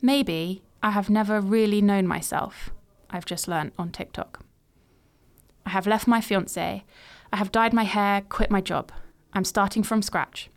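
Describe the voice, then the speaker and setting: This is a woman in her late twenties, a podcast host, narrating a personal story in the present tense. She sounds smooth and clear at a medium pitch, reflective and measured, with fairly even intonation.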